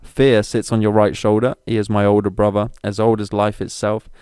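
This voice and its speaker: A menacing demon in a disguised deep voice, low and slow, every word drawn out and taunting, as a man puts it on. The voice is smooth and full, recorded close and dry with no room around it. It reads like a dramatic spoken creepy story. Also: little pitch movement, mellow, no echo, lightly acted. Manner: slow, deliberate delivery of a taunting letter.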